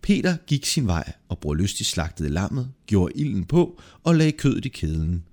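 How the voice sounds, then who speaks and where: A man narrating a folk tale aloud in a lively, expressive storytelling manner. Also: on the low side.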